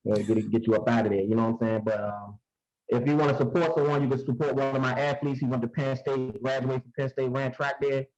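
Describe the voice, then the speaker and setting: Laid-back comedian on a muffled phone mic. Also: male voice, mid-range voice, level tone, darkish tone. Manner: laid-back, joking, drawn-out talk. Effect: muffled, underwater-sounding phone mic. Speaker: comedian and coach. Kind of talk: casual podcast chat over a call. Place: newly moved-into room at home.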